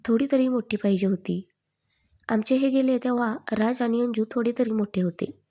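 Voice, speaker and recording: A woman voicing a calm young mother who speaks quietly and contentedly. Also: on the high side, moderate pace, natural voice.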